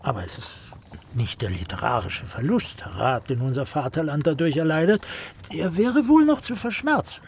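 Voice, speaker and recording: A man's voice: on the high side, sing-song, moderate pace, vocal fry, a little hiss or hum. A man playing a pompous storytelling writer. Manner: ornate storytelling, theatrical. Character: pompous male writer recalling his boyhood. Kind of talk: radio play acting.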